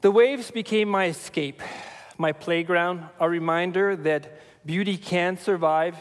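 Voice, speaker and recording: A man in his forties from El Salvador, sharing a personal testimony with his church family in a reflective, measured way with frequent fillers. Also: sits high, in a large hall.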